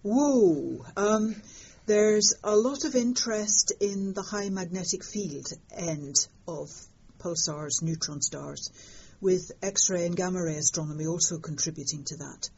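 An older woman, telling stories in an interview in a lively, wry way. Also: fairly low pitch, a little slow, few pauses, breathy edge. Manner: lively storytelling, fond of understatement. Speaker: interviewed astronomer. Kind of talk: conversational interview. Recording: dull lo-fi sound.

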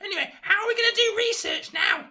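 A woman playing an exasperated mother who scolds her daughter in a shouting panto style. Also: very high-pitched, a little fast, exaggerated voice. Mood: scolding.

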